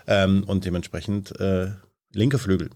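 A young man from Bavaria, a member of parliament, answering interview questions in a measured way with many filler pauses. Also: deep voice, little pitch movement, a little mellow. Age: young adult.

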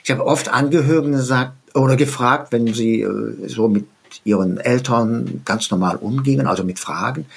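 A man speaking as an expert guest in a podcast interview, explaining in a deliberately provocative way and often checking in with "ja?". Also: medium pitch, creaky, breathy edge.

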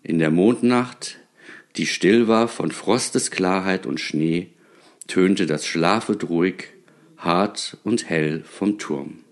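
A man reading a story aloud with expressive, theatrical delivery. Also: low-pitched, slow pace. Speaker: narrator.

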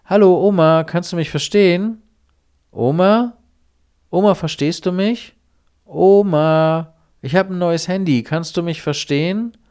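A man voicing a male phone scammer who poses as a grandson and asks an old woman for money, pleading and loud. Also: sits high, measured pace, clean tone, voice pushed up.

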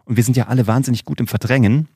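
A man's voice: medium pitch, steady tone, very fast, mellow, husky, no room sound, studio quality. A man hosting a podcast as a coach, giving a motivational monologue and addressing the listener informally and directly.

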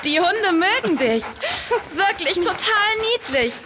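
A cheerful, teasing woman with a very high voice and a pitch that moves a lot. She co-hosts and acts in a scripted audio story, with a faint hiss of noise behind her. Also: very animated, slow pace. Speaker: podcast co-host.

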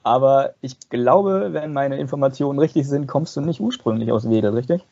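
A man's voice: mid-range voice, fairly quick, gravelly, warm tone. Joking male podcast interviewer, lo-fi. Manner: jokey, reads questions from a plan. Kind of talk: casual interview questions.

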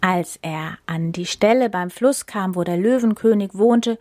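A woman reading a fairy tale aloud for a podcast in a calm, measured storytelling voice. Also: medium pitch, no echo, clean studio sound.

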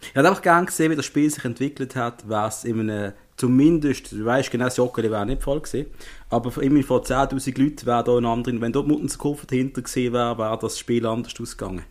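A man's voice: medium pitch, fast. A man with a Swiss German accent co-hosting a football podcast, talking eagerly with frequent restarts and chuckles. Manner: talkative, chuckling, many restarts. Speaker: podcast co-host. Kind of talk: casual football chat.

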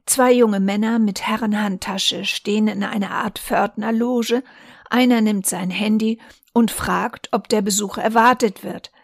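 A woman reads a newspaper reportage aloud at a calm, measured pace. Her voice sits at an ordinary middle pitch. The recording is close and dry, with no room sound. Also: no room sound. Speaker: volunteer reader.

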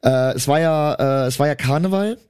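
A man's voice: fairly quick, smooth. A young man, co-hosting a casual podcast and telling stories with lots of fillers. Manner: animated storyteller, many fillers, rises in pitch when excited. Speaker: podcast co-host. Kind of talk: casual chat.

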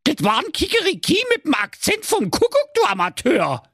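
A man's voice: huge pitch swings, normal speed, fairly bright tone, dry recording, studio quality, exaggerated voice. A man voicing a cheeky, plucked male parrot in a comic audiobook. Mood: cocky. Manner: shrill, cheeky, squawking.

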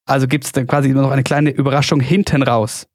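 A male podcast host explaining a game and firing off quick either-or questions in a brisk, upbeat way, with many fillers. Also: mid-range voice, level tone, a little hiss or hum. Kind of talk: quick-fire question game and sports chat.

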